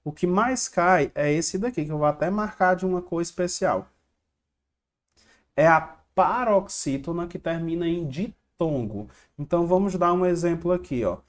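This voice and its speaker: A man's voice: fairly high pitch, expressive, moderate pace. A man teaching an online exam-prep grammar lesson, talking over slides. He asks the viewer a question, then answers it himself. He drills catchy rhymes again and again. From Brazil.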